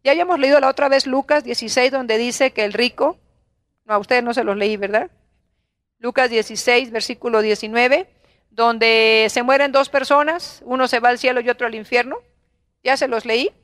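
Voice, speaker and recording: Fervent Mexican woman preaching, high voice. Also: steady tone, normal speed, fairly bright tone, dry recording. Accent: Mexican Spanish. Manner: fervent, scolding, rhetorical questions. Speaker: Bible class teacher. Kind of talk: preaching Bible lesson.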